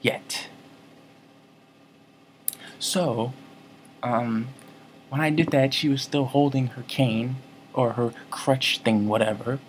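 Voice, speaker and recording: Male comic vlogger, deadpan rambling storyteller, medium pitch, faint room hiss. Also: slow pace, long pauses. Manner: rambling, self-correcting, mock-serious. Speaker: comedy vlogger.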